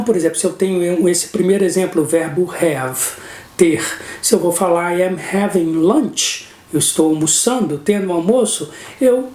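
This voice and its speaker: Brazilian male teacher, explanatory lesson delivery, warm low tone, recorded in a room with echo. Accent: Brazilian Portuguese. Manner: explanatory, keeps checking in with "não é?". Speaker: English teacher. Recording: roomy echo.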